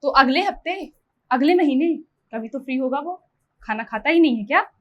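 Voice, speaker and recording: A woman's voice: sits high, expressive, normal speed, lo-fi sound. A woman playing a young wife in a stage play, curious and flustered, protesting eagerly.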